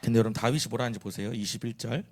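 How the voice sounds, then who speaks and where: A man preaching a sermon in a church, animated and teasing, acting out quoted voices. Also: mid-range voice, racing, slight background noise. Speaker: pastor. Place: church sanctuary.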